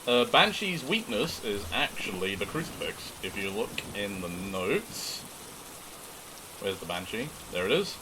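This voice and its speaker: A man doing live horror game commentary, chatting casually to viewers in an animated, excitable way with jokey asides. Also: on the low side, noisy background. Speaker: game streamer.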